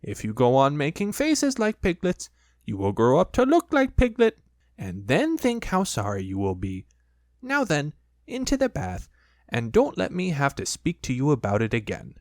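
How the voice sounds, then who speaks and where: A reader voicing a fussy mother kangaroo in a storybook, brisk, soothing and firm. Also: medium pitch, wildly swooping pitch, no echo, clean studio sound, voice pushed up. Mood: brisk, motherly. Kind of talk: storybook reading.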